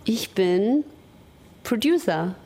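Hesitant woman producer, slow-spoken. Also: mid-range voice, expressive, dark tone, breathy edge. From Germany. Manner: hesitant, thinking aloud with fillers. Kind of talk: interview, describing her job.

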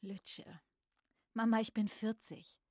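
A daughter in her forties, caring yet eager to get going. Her voice is slightly high and dry, with no room sound. She speaks firmly and reassuringly. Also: flat delivery, slow pace, a little mellow, no room sound. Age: 40s. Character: grown daughter, caring but hurried.

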